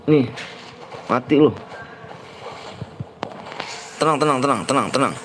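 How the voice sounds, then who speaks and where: A man's voice: medium pitch, measured pace, a bit bright, slight background noise, poor audio. A young man, giving rowdy, slang-heavy commentary on a live game stream and trash-talking his opponents.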